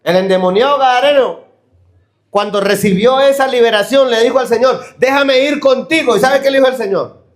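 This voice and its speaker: Male pastor, high voice, emphatic sermon delivery with questions to the crowd, echoey church hall. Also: a little fast. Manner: emphatic, questions the congregation and acts out quoted excuses.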